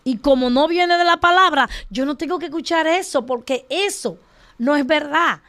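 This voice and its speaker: High-voiced woman teaching with emphasis. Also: normal speed, fairly bright tone. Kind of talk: casual faith discussion.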